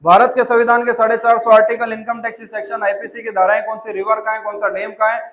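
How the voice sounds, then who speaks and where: A man with a notably high voice leads a classroom demonstration, instructing the students directly and calling them child. He is recorded in a school hall with a lot of echo bouncing around him. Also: flat delivery, fast, fairly bright tone. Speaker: memory trainer presenting a school seminar. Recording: echoey hall.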